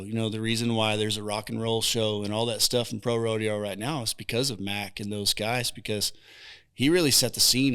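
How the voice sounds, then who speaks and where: Texan rancher guest in his thirties, low smooth voice, dry jokes, relaxed drawl. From Texas. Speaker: rancher and singer-songwriter guest. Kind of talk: casual interview chat. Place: saddle shop.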